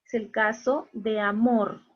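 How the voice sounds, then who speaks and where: A woman's voice: a little high, steady tone, slow. A woman teaching an online class, patiently repeating key points and checking in with her students. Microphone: video call. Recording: muffled video-call audio.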